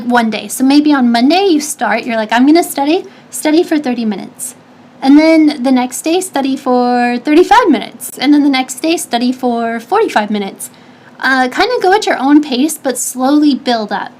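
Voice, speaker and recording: A woman streamer with a notably high, slightly nasal and somewhat mellow voice answers her chat casually, giving out advice. A stuffy nose colors her speech, and she keeps circling back, restarting sentences and using fillers.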